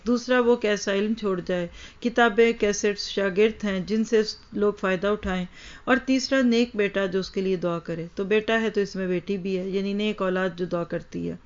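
A woman giving an Islamic lecture, teaching earnestly and addressing her listeners directly, on a slightly dull recording. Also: mid-range voice. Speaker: religious lecturer.

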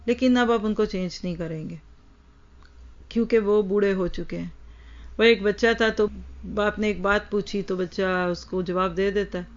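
A woman's voice: medium pitch, fairly even intonation. A woman giving an Islamic lecture, teaching earnestly and addressing her listeners directly, on a slightly dull recording. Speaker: religious lecturer.

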